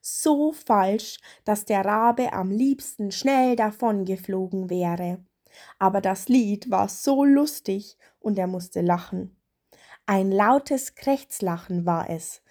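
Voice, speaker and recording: A woman narrating a children's story in a gentle, unhurried way. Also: medium pitch.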